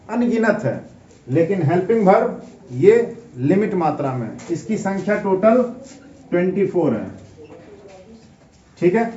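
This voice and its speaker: A man's voice: sits high, mellow. A male teacher giving a grammar lesson, asking his class questions, answering them himself, and spelling out words letter by letter. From India. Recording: echoey room, picked up from a distance, slightly dull.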